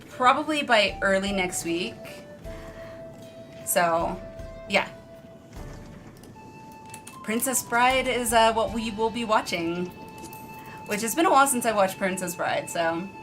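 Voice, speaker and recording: A woman's voice: mid-range voice, takes it slowly, long pauses, fairly bright tone. A woman live streamer chatting casually with her viewers in an informal, rambling, self-deprecating way. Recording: music behind the voice. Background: background music.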